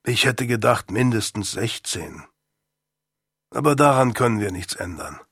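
A man voicing a grave older male statesman who is stern yet kindly, speaking in a measured, solemn and reproving manner. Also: lowish voice, animated, vocal fry, fairly bright tone, husky, no echo, studio quality, heavily acted. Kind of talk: audiobook character voice.

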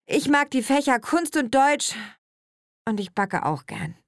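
A woman's voice: high voice, very animated, a little slow, dry recording, studio quality, voice pushed up, exaggerated voice. A woman voicing a shy fourteen-year-old schoolgirl who speaks hesitantly.

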